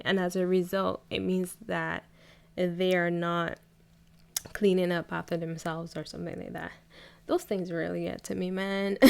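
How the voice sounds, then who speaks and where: Chatting casually on her solo podcast, a young Barbadian woman laughs frequently and corrects herself as she goes. She has a Barbadian accent and a fairly low, gravelly voice.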